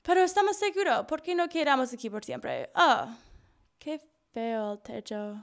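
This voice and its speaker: A woman's voice: high-pitched, animated, normal speed, gravelly. A woman commenting as she plays a horror game, reading notes aloud and reacting with gasps and screams. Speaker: gamer playing a horror game.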